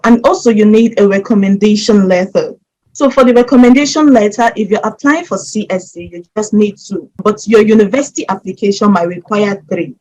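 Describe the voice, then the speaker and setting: With a medium-pitched voice and a slightly quick pace, a Nigerian woman gives viewers methodical, direct guidance on scholarship applications. It's an instructional explainer in a steady manner, and the recording sounds muffled.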